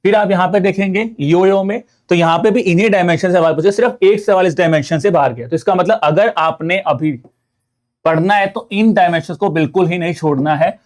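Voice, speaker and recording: Brisk and high-voiced, with a darkish tone, an Indian-accented exam prep teacher walks viewers through material step by step in an online lecture. He keeps addressing them as friends and slips English terms into his speech.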